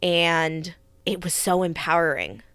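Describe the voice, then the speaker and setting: A woman's voice: lowish voice, expressive, measured pace, a bit bright, clear, resonant tone, dry recording. A young adult woman hosting a podcast, telling a personal story in an earnest, reflective way with frequent restarts. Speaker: podcast host.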